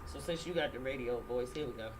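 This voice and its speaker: A woman's voice: extremely low pitch, fast. A middle-aged woman comedian telling stories in a brash, profane, casual way. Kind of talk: casual chat. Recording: distant mic with faint room noise.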